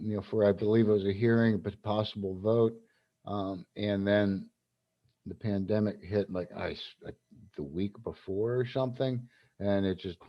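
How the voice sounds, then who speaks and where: A South Carolina man hosts a casual livestream for a cannabis advocacy group, rambling with lots of fillers and restarts. His voice is on the low side, and the audio has its highs cut off.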